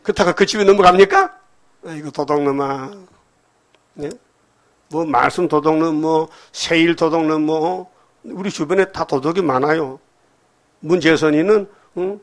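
An older man preaching a sermon in a church, animated and firing rhetorical questions at the congregation. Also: fairly high pitch, moderate pace. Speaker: pastor. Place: church sanctuary.

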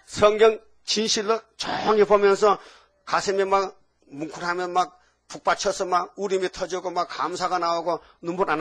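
Animated older Korean preacher. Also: male voice, a little high. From rural Korea. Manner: folksy, animated preaching with frequent rhetorical "응?" asides. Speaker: pastor. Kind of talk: revival sermon.

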